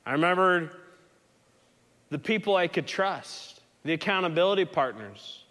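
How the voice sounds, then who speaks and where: A man's voice: on the high side, expressive, moderate pace, fairly bright tone. A man preaching a sermon in an earnest, conversational storytelling way. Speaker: pastor. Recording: long hall reverb.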